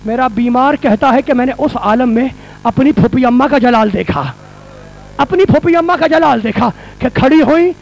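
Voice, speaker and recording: A man preaching a fervent mourning sermon in a mosque hall, his voice pitched strikingly high and edged with gravelly fry. He drives his points home by repeating each phrase, pressing the crowd toward tears. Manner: repeats phrases for emphasis, builds to cries. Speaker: religious scholar addressing mourners.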